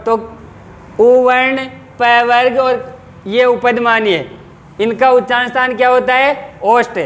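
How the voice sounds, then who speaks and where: Man teaching a grammar lesson, very high voice, flat and even delivery, quizzes himself as he explains. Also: slow pace. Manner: explains step by step, asks and answers his own questions. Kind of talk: exam-prep grammar lesson.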